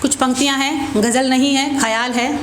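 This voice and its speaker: Reciting Hindi-Urdu poems in an open mic room, this woman keeps a high voice and a steady tone, with purposeful repetitions and casual introductions between pieces. Echo and clearly audible background noise fill the recording.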